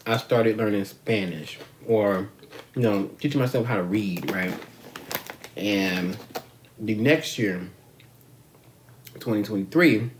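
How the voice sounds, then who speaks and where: On the low side, the voice belongs to a U.S. man chatting casually to camera while eating, profane, slangy, meandering and blunt. His camera mic carries some faint background noise.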